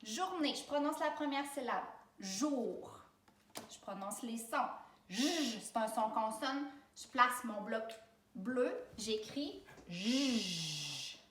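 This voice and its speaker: A woman's voice: fairly high pitch, measured pace, fairly bright tone, far from the mic, slight background noise. A woman with a Québécois French accent teaching children to spell, patient and step by step, speaking straight to the child. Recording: roomy sound from away from the mic.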